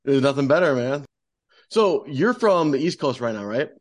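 A man's voice: mid-range voice, expressive, moderate pace, no room sound. A man hosting a podcast, reading an intro and chatting with his guest in an upbeat, friendly way. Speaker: podcast host.

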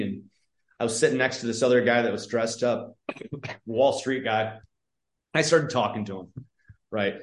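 A man from northern Michigan rambles through his story in an easy, conversational podcast-guest manner. His mid-pitched voice sits in a roomy, echoing space, and he keeps restarting sentences as he goes. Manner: chatty, storytelling, many fillers and restarts. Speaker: podcast guest, public health entrepreneur. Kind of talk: casual conversational interview.

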